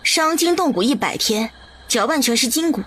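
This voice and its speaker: An actress voicing a confident young village woman doctor with cool, cutting retorts in an animated drama. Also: high-pitched, moderate pace, slight background noise.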